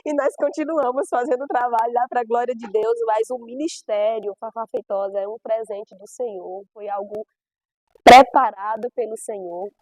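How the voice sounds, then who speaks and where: A woman's voice: a little high, steady tone, normal speed, a little mellow, dry recording, poor audio. A middle-aged woman from Brazil's Northeast, a gospel singer giving her testimony in an emphatic, storytelling way with repeated phrases. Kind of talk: personal testimony.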